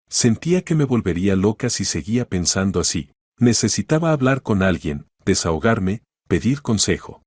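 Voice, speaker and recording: A man narrating a scripted first-person story in a steady, even storytelling delivery. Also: fairly low pitch, breathy edge, dry recording, clean studio sound.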